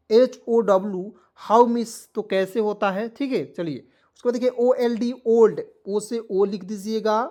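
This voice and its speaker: Male teacher, patient and repetitive, quizzing viewers word by word, with motivational asides. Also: high-pitched. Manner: repetitive, coaxing, keeps asking what it reads as. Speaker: English teacher. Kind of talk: blackboard lesson explaining spelling and pronunciation.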